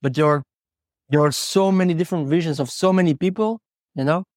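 Speaking a little fast in a slightly high, darkish voice, a man for whom English is not a first language appears as an interview guest on a podcast, where he works as a horse trainer. He is reflective and earnest, leaning on personal stories and rhetorical questions. There's no room sound, and the studio audio is clean.

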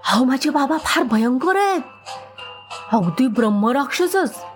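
A woman's voice: high voice, animated, a little slow, soft background music. A woman voicing a sly, fat trickster frog who giggles and teases, in a children's storybook tale. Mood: teasing. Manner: cheeky, giggling, teasing.

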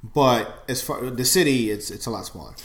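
A man talks easily on a podcast and keeps setting the facts straight. His voice is mid-pitched and unremarkable in tone. The recording has an audible roomy echo. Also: expressive. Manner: casual, quick to correct details. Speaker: podcast co-host. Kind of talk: casual chat.

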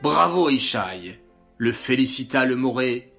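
A man telling a story to children in a gentle, clearly enunciated, slow reading voice. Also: mid-range voice, animated, soft background music.

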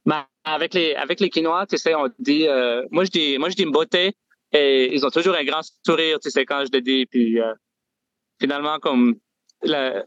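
A man's voice: a little high, fairly bright tone, no echo. Young Acadian man on a dull line. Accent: Acadian French. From Nova Scotia, Canada. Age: young adult. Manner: easygoing, halting, leans on "tu sais" and "comme". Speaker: guest storyteller. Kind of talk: casual interview. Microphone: phone or remote call.

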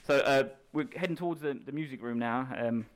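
A man's voice: medium pitch, a little fast, clean tone. A man presenting a walk-and-talk documentary in a hospital, chatting casually and narrating as he goes. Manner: chatty, informal, narrates as he walks. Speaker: presenter touring a hospital ward. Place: hospital ward and corridors.

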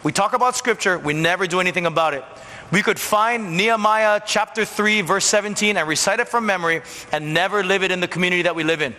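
A man preaching a conversational sermon as a pastor in a church, acting out quick bits of dialogue. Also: high-pitched, bright, forceful tone. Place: church sanctuary. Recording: long church reverb, faint noise.

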